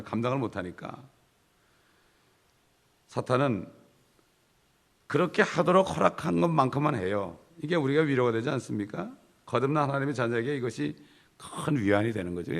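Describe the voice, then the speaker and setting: Middle-aged pastor guy giving a bible study sermon, gravelly voice, talks right to the crowd, punchy. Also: mid-range voice. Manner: emphatic, conversational preaching with asides to the congregation.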